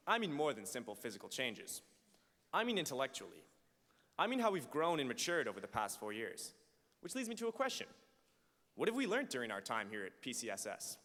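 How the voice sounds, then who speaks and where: A man in his late teens giving an emphatic, deliberate graduation speech as valedictorian at a podium microphone in a large auditorium. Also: mid-range voice, bright, forceful tone. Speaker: high school valedictorian. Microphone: podium microphone on a stand. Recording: reverberant hall through PA microphone.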